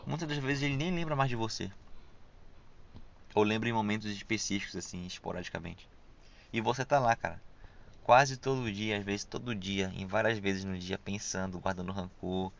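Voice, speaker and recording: Young Brazilian man, low gravelly voice, shushing s, loose slangy solo podcast monologue; dry, muffled lo-fi recording. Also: moderate pace. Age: young adult. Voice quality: hissing s sounds pronounced as sh. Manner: rambling and reflective, with frequent slang and fillers. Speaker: podcast host.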